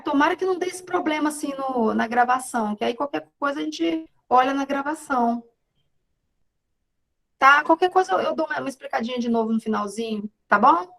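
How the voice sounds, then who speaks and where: Woman teacher, high-pitched, relaxed chatty delivery on a video call class. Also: rough recording. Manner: casual, chatty, checks in with students. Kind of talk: online class lecture.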